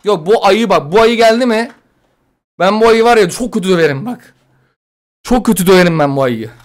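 A man's voice: sits high, expressive, fairly quick. A young man giving slangy, jittery commentary while playing a horror game, often yelping and laughing when scared. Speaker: gameplay streamer.

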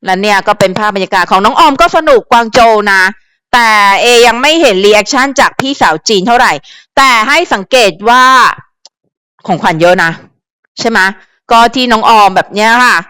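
A woman hosts a casual celebrity commentary channel and gives viewers advice in a loose, chatty ramble full of fillers. Her voice is smooth and crisp and sits a bit high. The recording is close and dry. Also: a little fast, fairly bright tone, no room sound. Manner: chatty, frequent fillers and repetitions; advisory, talks directly to viewers.

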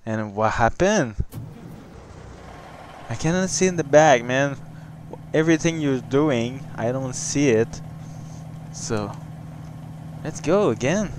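A man's voice: mid-range voice, lively intonation, takes it slowly, long pauses, a little hiss or hum. A young man casually commenting on his truck-driving gameplay, rambling playfully and talking to the game as he drives. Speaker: gaming channel host.

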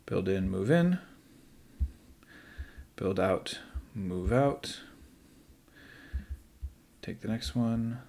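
Low-voiced man walking through a software tutorial. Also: very slow, gravelly, long pauses. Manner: relaxed, step-by-step instructions with light asides. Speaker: teacher. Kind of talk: screen-recorded software tutorial.

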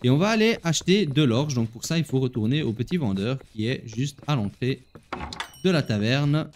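A man's voice: mid-range voice, expressive, moderate pace, a little mellow, a little hiss or hum. A man hosting a gaming video, chatting casually to viewers as he plays and laughing at himself. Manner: chatty, talks straight to viewers while playing. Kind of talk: casual gameplay commentary.

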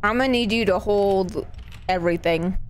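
This woman streamer has a mid-range voice and a moderate pace, with slight background noise. She gives casual live commentary on a horror game, nervous and scared, reacting with playful swearing, exclamations, and jokey asides.

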